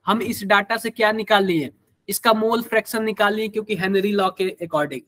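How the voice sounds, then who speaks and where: Hindi accent guy teaching chem live, high voice, keeps quizzing the class, dry sound. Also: normal speed, fairly bright tone, no room sound. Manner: asks the class questions, everyday examples. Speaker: chemistry teacher.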